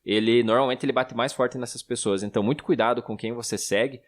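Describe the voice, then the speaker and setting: A man's voice: mid-range voice, steady tone, fast. A man in his thirties with a Brazilian Portuguese accent, co-hosting an investing podcast in a reflective, self-critical way. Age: 30s. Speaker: podcast co-host. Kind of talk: casual investing podcast chat.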